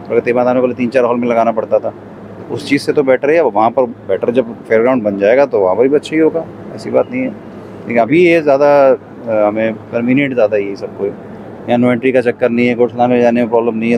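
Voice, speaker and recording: A man's voice: medium pitch, steady tone, fast, dull audio, background noise. A male exhibitor speaking casually in Hindi, mixing in English words, at a trade fair. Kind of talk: on-the-spot interview answers. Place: busy trade fair hall.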